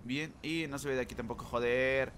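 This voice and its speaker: A man giving live gameplay commentary, talking to his viewers and repeating words rapidly when excited. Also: medium pitch, very noisy. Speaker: gamer.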